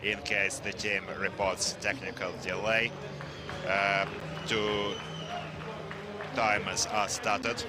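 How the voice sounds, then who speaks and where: A man's voice: on the low side, flat delivery, slow, long pauses, heavy background noise. A man giving a live English translation voice-over of sports commentary, hesitant, with frequent fillers and restarts.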